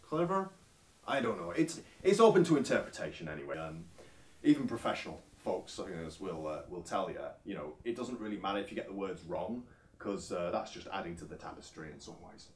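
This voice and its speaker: An actor with a low, animated voice and a brisk pace portrays a clueless yet earnest male folk singer in a mockumentary interview. His answers ramble and stall with frequent filler sounds, captured in a roomy, distant recording.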